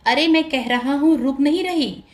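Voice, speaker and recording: A woman's voice: on the high side, animated, measured pace. A woman storyteller voicing a possessive, headstrong young male prince who keeps insisting. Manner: insistent, calling out. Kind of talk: storybook narration.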